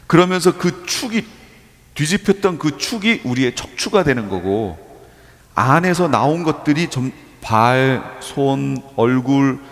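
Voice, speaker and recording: A pastor delivers a sermon with a man's medium-pitched voice, talking the congregation through each point with plain everyday examples. He keeps turning to them with rhetorical questions. His voice rings out with the long reverb of a church hall. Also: animated, measured pace. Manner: explains step by step with everyday examples. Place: church sanctuary.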